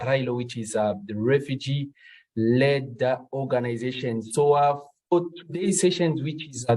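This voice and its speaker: A man's voice: medium pitch, darkish tone, rough recording. Congolese guy moderating a panel, mid voice, lots of uh's. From Democratic Republic of Congo. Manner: slow, with frequent uh fillers.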